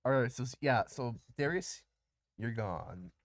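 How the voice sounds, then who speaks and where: A man's voice: mid-range voice, animated, measured pace, dry recording. A man running a tabletop game as game master, laughing often and stalling with repeated restarts.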